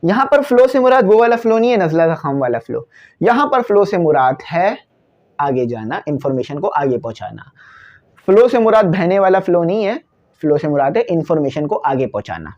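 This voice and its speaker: A man's voice: fairly high pitch, very animated, fairly quick, darkish tone, dull audio. A man with a Pakistani Urdu accent teaching a physics class, explaining with everyday examples and slipping into English for terms, on a cabled microphone. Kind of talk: classroom lecture video.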